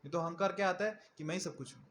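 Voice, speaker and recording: A man's voice: sits high, racing, a bit bright, a little hiss or hum. A male preacher giving a sermon in a conversational manner, often asking his listeners questions. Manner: conversational, asks the audience questions.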